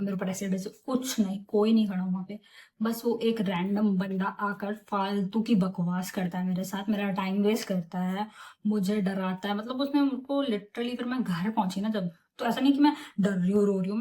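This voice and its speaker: Young woman telling a storytime vlog. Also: mid-range voice. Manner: animated, chatty retelling with English words mixed in. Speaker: vlogger.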